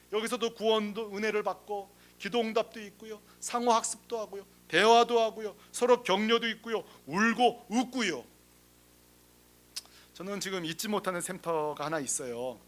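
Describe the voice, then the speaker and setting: A man who is a senior pastor, preaching a sermon with lively, humorous stories, acting out the people in them and asking the congregation questions. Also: high-pitched, normal speed. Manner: lively, humorous storytelling that acts out the people in the story; talks straight to the congregation with rhetorical questions.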